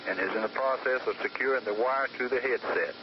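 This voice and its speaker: A man's voice: medium pitch, brisk. A man on an old archival recording, a prison official giving a formal, matter-of-fact step-by-step report over a line. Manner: steady, matter-of-fact, procedural. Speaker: prison official narrating an execution. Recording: muffled noisy old tape recording.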